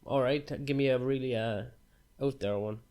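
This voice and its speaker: A man's voice: mid-range voice, moderate pace, darkish tone, clear, resonant tone. A man from Ireland co-hosting a podcast, chatting casually with dry, teasing banter and casual swearing. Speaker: podcast co-host. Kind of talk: casual chat.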